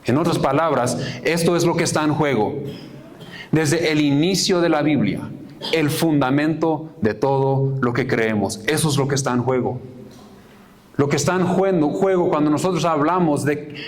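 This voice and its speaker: A man's voice: fairly high pitch, normal speed. A man preaching a sermon as pastor, earnest, repeating key phrases for emphasis and reading scripture aloud, stopping to correct himself.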